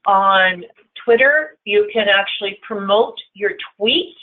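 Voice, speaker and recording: A woman consultant talks through a screen-share tutorial in a chatty, upbeat way, often calling features cool. Her voice is narrow and phone-like, and her pitch sits in an ordinary middle range. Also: slow pace. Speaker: digital marketing consultant presenting a workshop.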